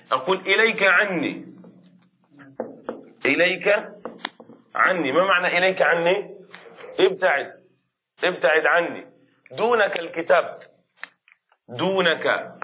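A man teaching an Arabic grammar lesson to students. He explains slowly, repeats key words and keeps asking them questions as he goes. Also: on the high side, phone-quality sound. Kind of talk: classroom lesson.

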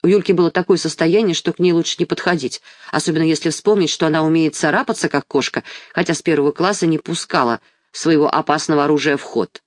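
A narrator reading a children's story as an audiobook in an even, measured way. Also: medium pitch, no room sound, studio quality.

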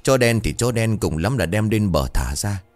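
A man's voice: moderate pace, no room sound, soft background music. A man voicing a stubborn older boatman husband who speaks firmly and brushes off his wife's fears. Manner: firm, dismissive, low and steady.

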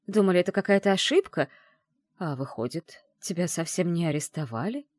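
Woman reading a gentle teasing witch mother. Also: lowish voice, animated, fairly quick, no echo, studio quality. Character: caring, shrewd middle-aged witch mother. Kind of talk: audiobook character voice.

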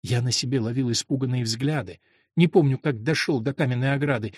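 Ruy Blas, as a male reader voices him, a wronged servant who declaims his verse with fierce conviction. The voice sits fairly high, carries a husky edge and stays close and dry. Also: lively intonation, unhurried, a bit bright, dry recording. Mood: hushed remorse. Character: Ruy Blas, lovesick servant turned avenger, adult man. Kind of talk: dramatic verse reading.

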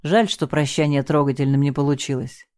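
A woman's voice: deep voice, fairly even intonation, fairly quick, a little mellow, close to an everyday voice. A woman reading the lines of a sardonic man who barks orders in a gunfight. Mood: gruff, mocking. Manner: mocking, terse, barks orders.

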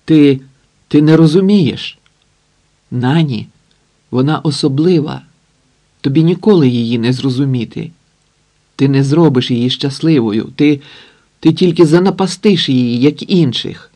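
A man voicing a jealous, nerdy young man who shouts in a shrill falsetto. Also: measured pace, long pauses. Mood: desperate pleading.

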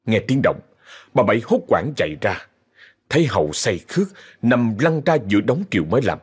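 A man narrating a ghost story in a dramatic, expressive way. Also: lowish voice, moderate pace, slightly rough.

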